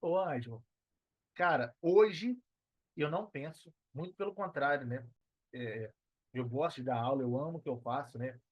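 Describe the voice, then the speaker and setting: A Brazilian personal trainer and affiliate marketer in his thirties chats casually as a podcast guest, checking for agreement with slangy tags. He speaks at a normal speed in a mid-range voice. The audio is dull, without echo.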